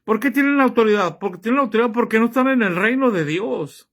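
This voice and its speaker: A man's voice: very high-pitched, animated, fast, a bit bright. A man preaching a sermon, reading scripture aloud and pressing his listeners with rhetorical questions. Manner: reads scripture aloud and comments on it.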